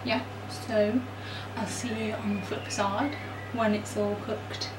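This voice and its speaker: In a small home kitchen, a young adult woman who vlogs about home baking takes it slowly, her mid-range voice steady as she gives a chatty, informal and self-deprecating demonstration. The camera mic sits a metre or two away, leaving the audio roomy and distant with background noise.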